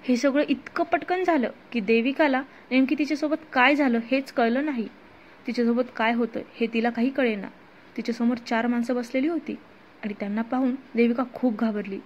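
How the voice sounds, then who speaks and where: Lady reading a dramatic romance story out loud, highish voice, dull lo-fi sound. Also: fairly quick. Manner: dramatic, expressive. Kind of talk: audio story narration.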